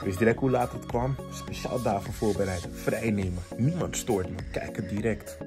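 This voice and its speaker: A young man from the Netherlands casually reviewing books in a vlog, chatty and quick to laugh, dropping in English phrases. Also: on the low side. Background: faint background music.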